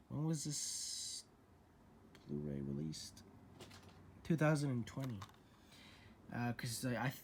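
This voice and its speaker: A man's voice: a little high, slight background noise. A young man in a casual vlog, talking through his horror movie collection in an opinionated, chatty way with frequent restarts.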